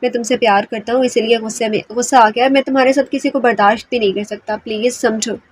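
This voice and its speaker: A woman voicing a possessive, softly menacing husband. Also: on the high side, steady tone, fast talker, slightly rough. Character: possessive, controlling young husband.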